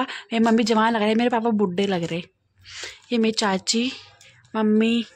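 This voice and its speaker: A young woman with an Uttarakhand Hindi accent talks casually to her viewers in a fairly high voice. She is chatty and playful and laughs easily as she goes through her wedding album page by page. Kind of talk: casual chat to camera.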